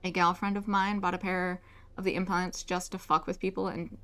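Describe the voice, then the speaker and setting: A woman's voice: lowish voice, level tone, moderate pace, sharp tone. A woman chatting casually as a game streamer, welcoming viewers as she plays. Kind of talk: casual livestream chat and reading game dialogue aloud.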